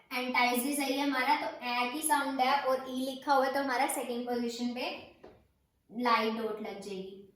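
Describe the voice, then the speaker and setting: A woman teaching a shorthand class, who explains step by step and patiently repeats the example words slowly. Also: high-pitched, a bit bright. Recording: very echoey room.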